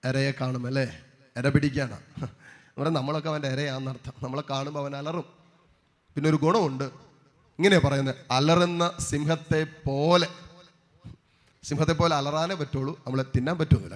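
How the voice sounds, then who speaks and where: A man's voice: a little high, long reverb tail. A man preaching a sermon as a priest, declaiming with rising emphasis, calling out hallelujahs and asking the congregation rhetorical questions.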